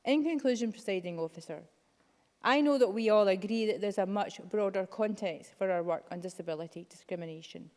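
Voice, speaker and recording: A woman's voice: medium pitch, brisk, a little mellow. A woman giving a formal, emphatic speech as a member of parliament. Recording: long reverb of a debating chamber.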